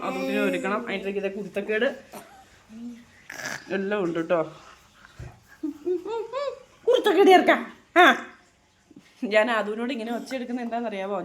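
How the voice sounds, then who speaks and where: A woman's voice: medium pitch, reverberant, slight background noise. A woman chatting casually to her viewers in a home vlog, often turning straight to the audience. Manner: chatty, addresses viewers with frequent "kettō". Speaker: vlogger.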